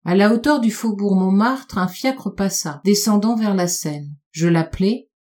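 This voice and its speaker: A woman narrates a classic short story in a warm, mellow voice. Her reading is measured and deliberate. She slows and lowers her voice to weigh the gloomiest repeated phrases. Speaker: audiobook reader. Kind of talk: literary audiobook narration.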